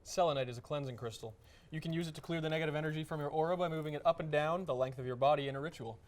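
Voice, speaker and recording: A man's voice: on the high side, racing, lightly acted. A young man playing a straight-faced, formal co-host of an occult comedy talk show. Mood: deadpan. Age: young adult. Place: TV studio set.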